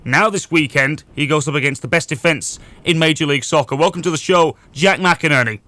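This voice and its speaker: A man's voice: fairly high pitch, a little fast, bright, forceful tone, dry recording. A man hosting a sports radio show, presenting segments and interviewing a guest. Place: dry radio studio.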